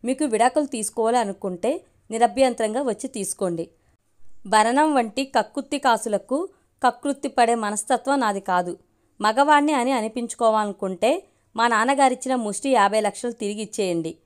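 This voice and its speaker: A woman's voice: a little high, normal speed, lightly acted. A woman voicing a firm, dignified middle-aged wife and mother in a storybook reading, arguing in a reproachful way.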